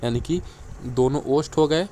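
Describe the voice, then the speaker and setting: A man teaching an exam-prep lecture at a quick pace, often checking in with "theek hai" and reciting lists of letters. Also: medium pitch, mellow, slight background noise. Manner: brisk, repeats "ठीक है" and "देखिए", recites letter lists.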